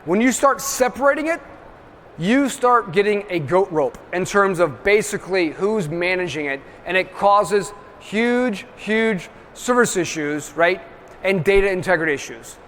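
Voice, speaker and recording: A man presents at a trade show, his voice sitting high for a man. He drives each point home with emphatic check-ins to the crowd. The sound rings out through a large, reverberant hall over a faint background hum. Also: expressive, measured pace, fairly bright tone. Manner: emphatic, constantly checks in with "right?". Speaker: industry presenter.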